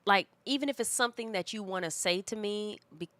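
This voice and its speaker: A hoarse woman with a cold, co-hosting a casual chat and telling stories in an animated way. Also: mid-range voice, fairly quick, dry recording. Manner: animated, chatty storytelling. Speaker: co-host.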